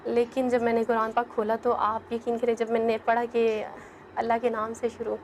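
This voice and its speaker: A woman's voice: on the high side, completely flat delivery, slight background noise. A young woman from Pakistan, a guest telling her own story in an interview, earnest and full of "believe me". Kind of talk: personal testimony in an interview.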